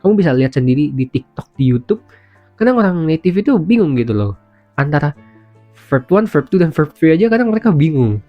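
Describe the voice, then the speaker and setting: A man's voice: a little high, big pitch swings, a little fast. A young man, a language teacher, explaining in a chatty, informal way to camera. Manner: chatty, informal, lots of fillers. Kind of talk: casual spoken lesson to camera. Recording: slightly dull sound with faint music.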